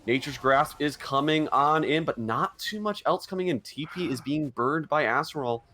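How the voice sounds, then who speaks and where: Guy doing esports play-by-play, gets loud and high when fights break out. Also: normal speed. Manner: excitable, pitch jumps high in big fights. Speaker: esports caster. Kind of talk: play-by-play commentary.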